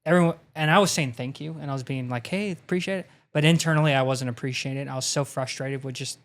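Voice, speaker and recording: A man talks fast on a casual podcast, telling his story animatedly. His voice sits at a medium pitch. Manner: animated storyteller, acts out quotes. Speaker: podcast co-host. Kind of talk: casual chat.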